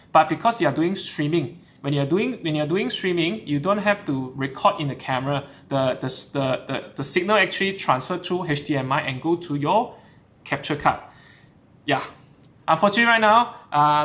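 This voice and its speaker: A man's voice: a little high, fairly bright tone. A man hosting a live stream, talking casually through his setup with lots of fillers and restarts. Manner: chatty, switches between English and Mandarin, many fillers and restarts. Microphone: camera shotgun mic.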